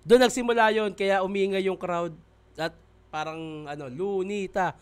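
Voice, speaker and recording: Excitable swearing reaction host. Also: male voice, high-pitched, normal speed, clear, resonant tone. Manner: excitable, swears often, apologetic. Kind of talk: casual reaction commentary.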